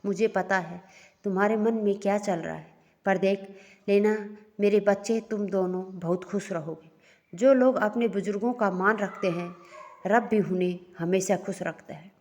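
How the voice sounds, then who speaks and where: A woman's voice: medium pitch, normal speed, a little mellow, natural voice. A woman voicing a loving elderly grandmother who teases and scolds affectionately in a read-aloud story. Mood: doting, teasing.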